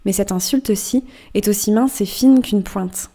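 A woman narrates as a cocky old-time sailor spinning a yarn about his dream, conspiratorial and amused. The voice is mellow and dark, steady in pitch, never rushed into a shout. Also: close to an everyday voice. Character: wry, boastful male sailor telling his dream. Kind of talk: audiobook reading.

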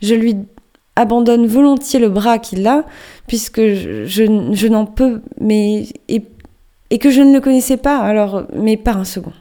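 A shaken sea captain, as a woman reads him in a storybook reading. He stumbles and restarts, wary of the whale. The voice stays mellow and dark. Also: a little high, lightly acted. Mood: rattled. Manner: halting, stammering. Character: rattled English sea captain, one-armed, wary.

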